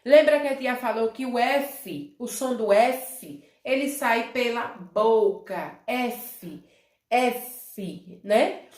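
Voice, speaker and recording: A Brazilian schoolteacher talks young children through a review, slowly and patiently. She drags words out syllable by syllable and keeps asking if they follow. Her voice sits a little high and bounces around a reverberant room. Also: darkish tone. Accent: Brazilian Portuguese. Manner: speaks of herself as "tia", many tag questions like "né?" and "certo?"; drawn-out syllables when modelling words. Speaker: primary school teacher. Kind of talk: slow, simple review lesson for young children.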